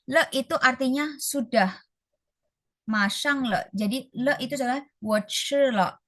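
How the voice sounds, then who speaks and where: A young woman tutoring an online Mandarin class, explaining quickly and saying phrases slowly. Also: high-pitched, a bit bright, no room sound.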